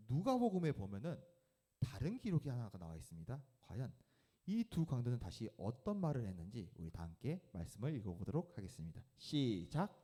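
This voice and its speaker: A man's voice: medium pitch, warm tone. A man preaching to teenagers as a youth pastor, telling the story casually and speaking to the kids directly.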